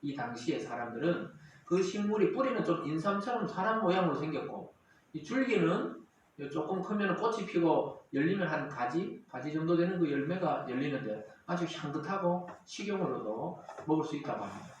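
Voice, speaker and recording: A man preaches in a lively, rising and falling voice pitched somewhat high. He is heard from a distance in a very echoey church hall with faint noise. He acts out the quarrels in character voices. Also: moderate pace. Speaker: pastor. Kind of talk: sermon. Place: church sanctuary.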